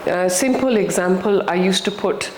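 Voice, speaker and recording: An older woman with a British accent, talking reflectively about her own life in an earnest, halting way, repeating words for emphasis. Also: mid-range voice, a little mellow. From England. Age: older, around 60. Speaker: interviewee. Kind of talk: reflective personal conversation. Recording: echoey room with faint background noise.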